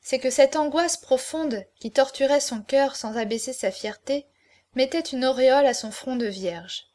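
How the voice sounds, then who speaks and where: A woman narrating a dramatic novel aloud in an expressive, measured way. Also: high voice.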